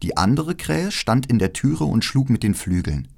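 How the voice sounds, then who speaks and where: A man reading a fairy tale aloud as narrator, with expressive storytelling. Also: medium pitch, moderate pace, vocal fry.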